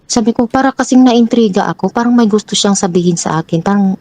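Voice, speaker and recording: A woman telling her own troubled story as a guest, hesitant and halting with many restarts. Her pitch jumps up sharply when she relives an argument. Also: a little mellow, poor audio. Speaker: guest sharing a personal story. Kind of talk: confessional personal storytelling.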